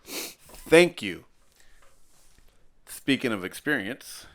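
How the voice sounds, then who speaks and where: Animated, joking middle-aged man. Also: mid-range voice, drawn-out words. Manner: animated, joking, swears casually. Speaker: podcast co-host, father. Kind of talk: casual family chat. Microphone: studio headphones and desk mic.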